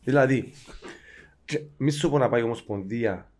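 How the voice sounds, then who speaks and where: A man's voice: medium pitch, darkish tone. A middle-aged man with a Greek Cypriot accent in casual sports chat, repeating phrases to press his point. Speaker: former footballer on a panel.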